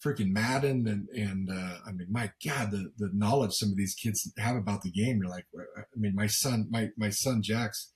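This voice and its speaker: A middle-aged man with a gravelly smoker's rasp chats casually as a sports interview guest, often repeating words as he goes in a folksy, self-deprecating way. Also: lowish voice, moderate pace, few pauses. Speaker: football commentator and former coach, as guest.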